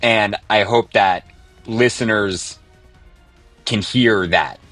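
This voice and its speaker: Composer guest, man, lowish voice, thoughtful with lots of likes, dry sound with faint music. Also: fairly even intonation, slow pace, a bit bright, no echo. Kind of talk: casual interview talk.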